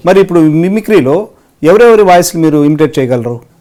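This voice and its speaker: A male interviewer asks his guest questions in a mellow, darkish voice. He listens attentively and fills the pauses with steady hums of agreement. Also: fairly high pitch. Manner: attentive, frequent back-channel hums.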